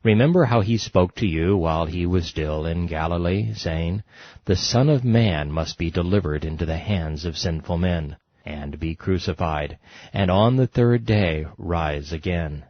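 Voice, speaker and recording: A man reading scripture passages in a solemn, steady manner. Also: sits low, a little slow, muffled recording. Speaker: scripture reader.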